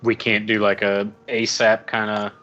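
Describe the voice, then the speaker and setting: A man playing a tabletop game, practical and low-key in a casual way. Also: flat delivery, unhurried, sharp tone. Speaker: player. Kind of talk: tabletop play. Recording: dull lo-fi mic, faint piano.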